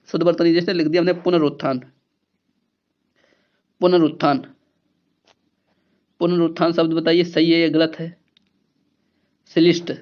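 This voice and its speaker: A man's voice: a little high, muffled recording. A man teaching a grammar lesson for exam preparation, explaining step by step and repeating key words with rhetorical questions.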